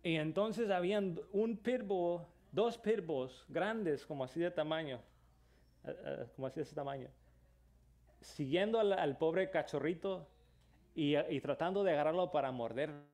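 A man delivers a sermon with earnest conviction, pressing his listeners with questions. His voice sits a little high for a man, and he moves easily into a plain storytelling tone. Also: a little slow, a little mellow. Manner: earnest preaching, rising to emphatic questions, then storytelling. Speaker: pastor.

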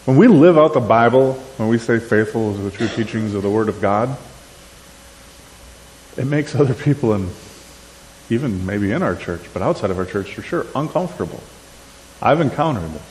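A man's voice: mid-range voice, normal speed, pauses often. Midwestern man preaching in a church hall. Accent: Upper Midwestern American. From upper Midwest of the US. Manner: animated, asks the crowd questions, gestures while talking. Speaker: conference speaker. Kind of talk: conversational sermon. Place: church sanctuary. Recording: church hall with long reverb, faint hiss.

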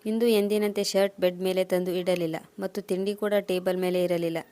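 A woman reading a first-person story as scripted narration, at a steady, even pace. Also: fairly low pitch, brisk.

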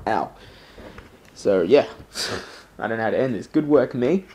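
A man's voice: mid-range voice, expressive, a little slow, dark tone, a little hiss or hum. A man hosting casual gameplay commentary in a sweary, self-deprecating way. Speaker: gaming host.

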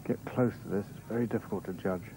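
A man's voice: lowish voice, quick pace. A man giving live golf commentary as a broadcast commentator. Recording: noisy old TV broadcast audio.

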